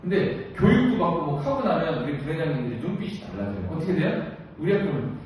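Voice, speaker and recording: A woman giving a training lecture to union branch leaders, lively, often asking the audience questions and acting out quotes. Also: low voice, fast talker. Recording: echoey hall, distant mic, dull sound, faint noise.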